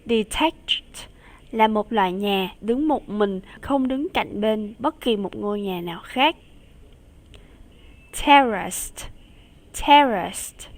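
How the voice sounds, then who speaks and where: A woman's voice: mid-range voice, unhurried, hardly any pauses. A woman teaching an English lesson for children in a recorded video. She says each word twice and drills its sounds for pupils to repeat. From Vietnam.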